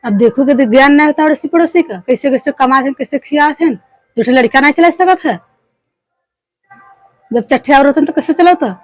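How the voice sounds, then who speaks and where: A woman's voice: high voice, moderate pace, no echo, faint music behind, natural voice, rough recording. A woman playing a fed-up village wife in a family skit, scolding and complaining in rustic speech with an eastern Hindi belt, Bhojpuri-Awadhi accent. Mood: defiant. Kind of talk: amateur family skit dialogue.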